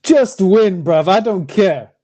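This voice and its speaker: A man's voice: sits high, expressive, slow, crowd noise. A man in casual football chat, talking in a blunt, slangy way.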